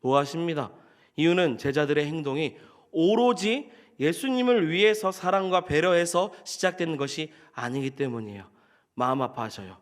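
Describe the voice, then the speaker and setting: A male pastor preaches a sermon, frequently asking the congregation questions and acting out what people might have said. He speaks at a moderate pace in a voice on the high side.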